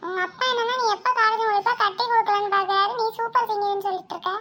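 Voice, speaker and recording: A woman's voice: extremely high pitch, fairly even intonation, very fast, slight background noise. A woman voicing a worried, protective middle-aged mother in a cartoon, fussy and exclaiming. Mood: fussing. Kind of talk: cartoon voice acting. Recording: loud background music.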